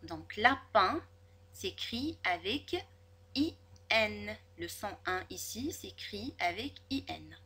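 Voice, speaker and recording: A woman teaching a spelling lesson to children, sounding out each word slowly and clearly, syllable by syllable. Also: mid-range voice, animated, sharp tone. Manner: slow, over-articulated, syllable by syllable.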